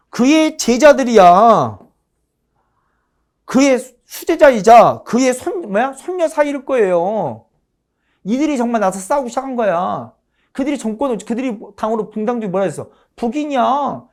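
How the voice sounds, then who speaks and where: Lively woman lecturing on history. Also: fairly high pitch. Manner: animated, asks the class questions and answers them herself; emphatic, repeats her points.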